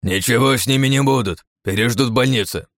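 A man's voice: mid-range voice, fairly quick, fairly bright tone, no room sound, clean studio sound, voice pushed up, lightly acted. A man voicing a stubborn, loyal old grandfather in an audiobook, speaking urgently in a raised voice. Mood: commanding.

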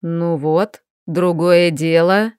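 A woman's voice: fairly low pitch, fairly even intonation, darkish tone, clear, resonant tone, dry recording, clean studio sound, voice pushed down. Woman putting on an icy male mage villain. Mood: menacing. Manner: slow, icy, commanding. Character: cold menacing middle-aged male mage regent.

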